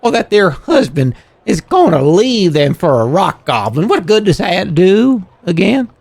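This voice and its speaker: A man's voice: high voice, very animated, measured pace, gravelly, a little mellow, no room sound, voice pushed up, exaggerated voice. A man voicing a squat, fearful game creature, a reluctant fortune teller who talks hesitantly and evasively. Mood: weary, evasive. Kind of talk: voiced game character on a livestream.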